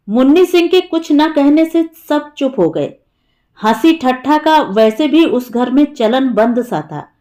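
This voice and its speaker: A woman narrating a Hindi short story in a calm, measured storytelling manner, lightly voicing the characters. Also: high-pitched.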